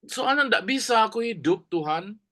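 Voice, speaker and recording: Brief: preacher playing an ill, helpless man, bright strained tone, desperate pleading. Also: high-pitched, expressive, normal speed, voice pushed up.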